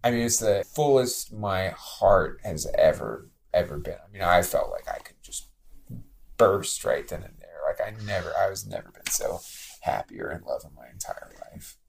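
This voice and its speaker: A man guest on a podcast, telling stories about his marriage in an emotional, animated way. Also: low-pitched, normal speed, creaky. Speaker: podcast guest, bookstore co-owner. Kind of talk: casual storytelling interview.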